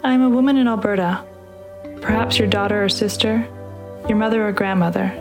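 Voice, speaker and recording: Woman, calm measured reading, mid-pitched voice, clear music bed behind. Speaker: podcast host and reader. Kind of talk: read-aloud narration and program introduction. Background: music underneath.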